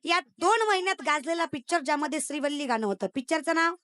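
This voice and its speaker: A woman's voice: high-pitched, expressive, fast talker, fairly bright tone. A young woman giving a comic devotional sermon. She teases the crowd, fires quiz questions at them and slips in English phrases. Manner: teasing, quizzes the audience and mixes in English phrases. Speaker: kirtan preacher. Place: stage at a devotional gathering.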